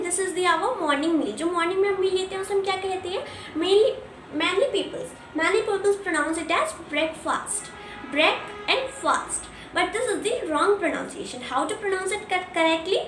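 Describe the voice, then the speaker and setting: A young woman with an Indian accent teaching a spoken English lesson, mixing Hindi and English and repeating words slowly to model pronunciation. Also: very high-pitched. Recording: echoey room, voice from a distance.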